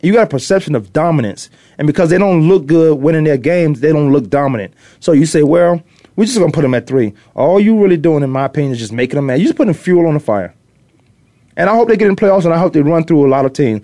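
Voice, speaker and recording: A man's voice: on the high side, expressive, fast talker, warm tone, dry recording, clean studio sound. A middle-aged man from Virginia hosting casual sports talk, opinionated and rambling, repeating himself for emphasis. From Virginia, US East Coast. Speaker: sports talk show host, former pro defensive back.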